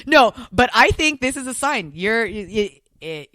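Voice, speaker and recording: A man's voice: very high voice, big pitch swings, a little slow, pushed and bright, dry recording. A man chatting casually as a podcast guest, talkative and repeating words as he goes. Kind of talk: casual chat.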